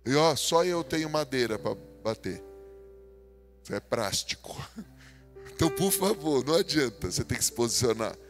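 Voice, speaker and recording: A man with a Brazilian Portuguese accent preaching a humorous sermon, telling stories and acting out dialogue, swinging between loud bursts and quiet asides. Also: medium pitch, moderate pace, pauses often, faint music behind. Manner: animated, jokey, acts out dialogue, swings from loud to soft.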